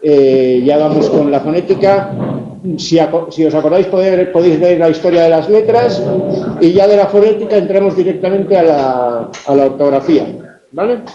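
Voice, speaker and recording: A man's voice: a little high, normal speed, noisy background. A man giving a university lecture, explaining carefully and often checking understanding, sounding tired. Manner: explanatory, frequent checks like ¿de acuerdo? and ¿vale?. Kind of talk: recorded spoken lecture. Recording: roomy, slightly dull lecture recording.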